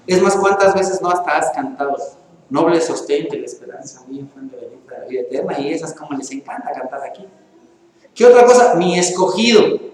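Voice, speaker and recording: Pastor in a very echoey hall. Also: male voice, sits high. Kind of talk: sermon. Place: church hall. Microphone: handheld or stand microphone. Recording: very echoey church hall with long reverb.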